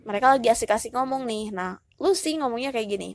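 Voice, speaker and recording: A young woman teaching an English lesson in a relaxed, chatty way, with lots of filler words. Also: a little high, fast talker, dry recording. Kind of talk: casual tutorial explanation.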